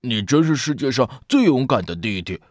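A man's voice: medium pitch, very animated, normal speed, no room sound, close to an everyday voice. A man voicing a boastful, impatient young anteater big brother in a children's storybook reading, scolding and bossy. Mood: grateful.

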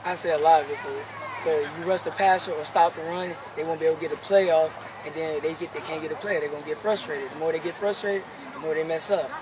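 Fast-talking teen football player. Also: male voice, fairly high pitch, steady tone. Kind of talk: postgame interview. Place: outdoor football field at night. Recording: distant mic with outdoor noise.

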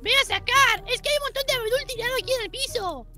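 A performer voicing a teasing, skeptical baby girl sidekick in a Minecraft game, with a squeaky high voice. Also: fast talker, sharp tone, faint music behind, full character voice. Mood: bossy. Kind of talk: Minecraft let's play.

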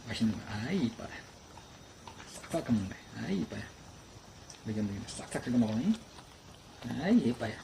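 A man's voice: medium pitch, big pitch swings, fairly quick, pauses often. A man talking casually to his pet dogs in cooing baby talk as he feeds them. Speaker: dog owner vlogger. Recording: clear background noise.

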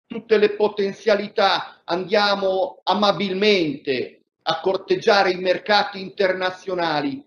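High-voiced man rallying an audience. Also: slight background noise. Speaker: event presenter. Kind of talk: speech to an audience. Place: large indoor hall. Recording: echoey hall, dull lo-fi sound.

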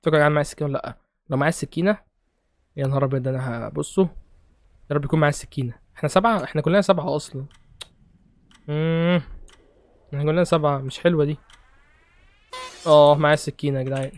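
A young man with an Egyptian Arabic accent giving excitable, joking let's-play commentary while he plays, shouting at other players. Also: fairly high pitch, racing, pauses often, no room sound, studio quality. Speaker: gaming streamer.

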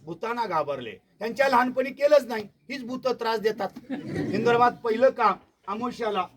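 A man with a very high voice tells fort history to a group of children in the open air. He talks dramatically, repeats words for effect and keeps asking his listeners questions. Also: lively intonation, brisk, fairly bright tone, a little hiss or hum. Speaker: fort tour guide. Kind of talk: storytelling to a school group outdoors.

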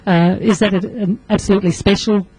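A woman's voice: mid-range voice, fairly even intonation, fairly quick, mellow, breathy edge, poor audio. A woman hosting a casual radio interview, chatty and laughing often. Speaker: radio host. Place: radio studio. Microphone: studio microphone.

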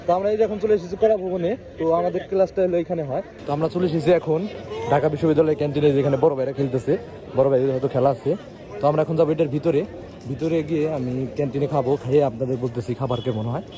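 A man's voice: on the high side, steady tone, rapid-fire, crowd noise, low-quality recording. A young man from Bangladesh chatting casually to his viewers as he walks around a city and a campus, joking about himself and calling them guys. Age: young adult. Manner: chatty, self-mocking, addresses viewers as guys. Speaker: vlogger. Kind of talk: casual walking vlog. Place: outdoors on busy city streets and campus. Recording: loud traffic noise behind.

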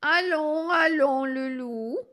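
A woman reading a storybook aloud, voicing a sly, gentle grandmother with a small, quavering old voice. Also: high voice, takes it slowly, voice pushed up. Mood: soothing.

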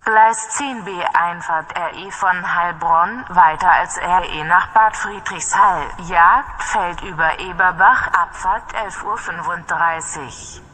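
Woman doing flat formal platform announcement, lowish voice, station reverb. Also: slow pace, hardly any pauses. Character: brisk-worded, impersonal female platform announcer.

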